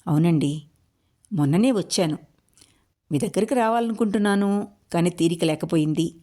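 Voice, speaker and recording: A woman's voice: fairly low pitch, normal speed, dark tone, close to an everyday voice. A woman reading a story aloud, voicing a courteous young man back from the city. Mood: polite. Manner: courteous, respectful.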